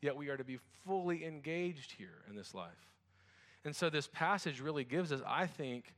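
A man's voice: on the high side, animated, moderate pace, a bit bright, long reverb tail. A man preaching as a pastor. He reads scripture, prays, then talks to the congregation in a conversational way with restarts and asides. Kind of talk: sermon with scripture reading and prayer.

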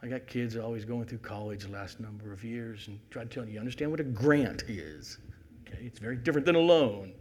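A middle-aged male pastor preaching a sermon, swinging from loud emphasis to near-whispers and slowing down to read scripture deliberately. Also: medium pitch, breathy edge.

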